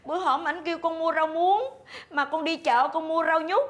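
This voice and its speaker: An actress playing a timid, tearful young daughter-in-law with a Southern Vietnamese accent in a sitcom. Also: female voice, extremely high pitch, fairly even intonation, moderate pace, fairly bright tone, slight background noise. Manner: whiny and tearful. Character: timid, put-upon young wife. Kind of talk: sitcom acting.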